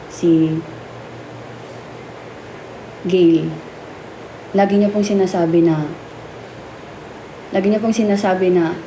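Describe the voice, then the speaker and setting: A woman nominating housemates in a polite, measured way. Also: fairly low pitch, warm tone. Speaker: reality show housemate. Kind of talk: nomination confessional. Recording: echoey room, faint noise.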